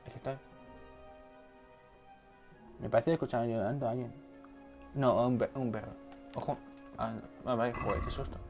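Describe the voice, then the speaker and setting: A man commenting casually on his game at home at night, muttering quietly to himself. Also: mid-range voice, fairly even intonation, normal speed, long pauses, soft background music. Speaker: gameplay video creator.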